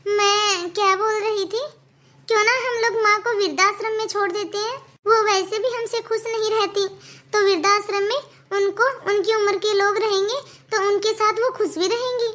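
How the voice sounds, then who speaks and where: A woman voicing a scheming, bossy young daughter-in-law in a cartoon, who talks in a sharp and taunting way. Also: extremely high pitch, steady tone, normal speed. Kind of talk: cartoon voice acting.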